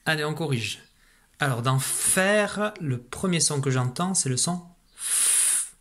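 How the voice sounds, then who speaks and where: A man teaching a remote lesson to young children, patient and slow, repeating syllables for a dictation. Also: fairly high pitch, lively intonation, a bit bright. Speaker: primary school teacher.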